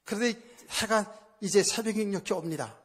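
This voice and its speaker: A man's voice: high-pitched, normal speed, a bit bright, breathy edge. A male pastor preaching a sermon at a church service, in a conversational style, asking the congregation rhetorical questions and repeating phrases for emphasis.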